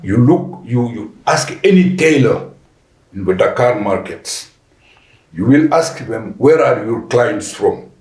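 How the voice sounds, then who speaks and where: Deliberate man, roomy echo. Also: mid-range voice, expressive, darkish tone. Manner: deliberate with frequent restarts and fillers. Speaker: panel guest. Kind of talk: podcast panel discussion. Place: conference venue.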